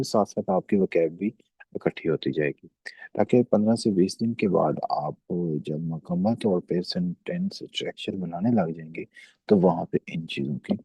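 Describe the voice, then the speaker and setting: Gravelly low-voiced man teaching German. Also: warm tone, no room sound, rough recording. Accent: Pakistani. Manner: explains slowly with repeated check-ins. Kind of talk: classroom lesson explanation.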